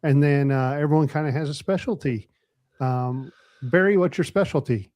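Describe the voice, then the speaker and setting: A man's voice: fairly high pitch, normal speed, darkish tone, no room sound. A man hosting a casual podcast chat, asking guests questions in a laid-back way over a video call. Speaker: podcast host.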